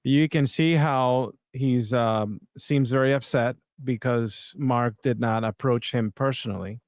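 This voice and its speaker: A man's voice: medium pitch, a little slow, no room sound, studio quality. A man hosting a podcast, talking casually and a bit hesitantly as he comments on video clips. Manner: conversational, hesitant, with restarts. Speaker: podcast host.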